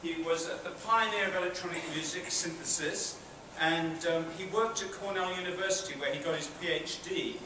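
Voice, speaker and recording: A middle-aged British man with a British accent gives a chatty public lecture to students in a large theatre hall with an audience, asking them questions and dropping self-deprecating asides. His voice is fairly high, at a moderate pace with few pauses. The recording is very echoey, distant and noisy.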